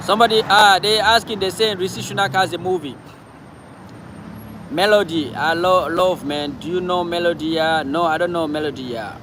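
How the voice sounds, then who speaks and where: A man hosts a loose, chatty livestream, reading out viewer comments and answering them aloud. His voice sits a little high for a man, and he often repeats his words. Loud traffic noise carries behind him. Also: normal speed. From Cameroon. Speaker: livestream host.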